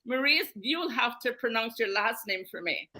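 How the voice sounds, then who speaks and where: A woman born in England and raised in Guyana, a host and menstrual wellness coach, presents to an online group emphatically, repeating key phrases. Her voice is fairly high-pitched, animated and sharp-toned at a normal speed, and the recording is rough.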